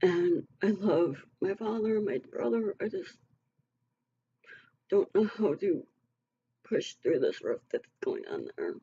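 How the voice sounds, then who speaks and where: A woman's voice: medium pitch, sing-song, measured pace, mellow, husky, muffled recording. A middle-aged woman talking earnestly and emotionally to her online community in a casual, rambling vlog. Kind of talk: casual heartfelt vlog talk.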